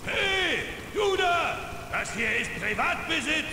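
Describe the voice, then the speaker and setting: An actor playing a big, menacing, taunting thug in a video game, shouting at a trespasser. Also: male voice, very high-pitched, animated, slow pace, heavily acted. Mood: angry, menacing. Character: big bald thug veteran bullying a trespasser. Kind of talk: dubbed video game cutscene acting. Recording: echoing hall, loud game ambience noise.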